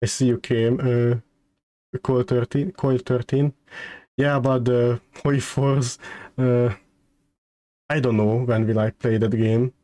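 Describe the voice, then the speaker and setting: A male streamer talks casually to his chat at an unhurried pace. His voice is soft-edged and mellow at a middle pitch, and he feels his way haltingly through sentences, repeating words. The sound is close and dry. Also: flat delivery, dry recording. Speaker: streamer hosting a debut stream.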